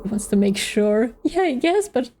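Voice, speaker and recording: Slow-talking giggly woman streamer, mellow voice. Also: a little high, sing-song, slight background noise, low-quality recording. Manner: chatty, giggly, reads game text aloud. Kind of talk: casual game let's play commentary.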